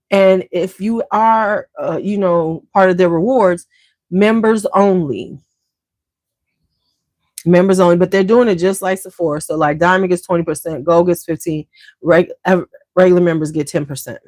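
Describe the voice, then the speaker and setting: A woman's voice: fairly low pitch, a little mellow, no echo. A woman hosting a beauty livestream, chatting casually and slangily straight to her viewers.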